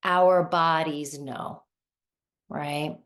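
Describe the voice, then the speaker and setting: A woman in her forties, born in Lebanon and raised in the United States, gives a thoughtful workshop talk as a somatic practitioner, often checking in with "right?". Her voice sits low with fairly even intonation, and she speaks extremely slowly.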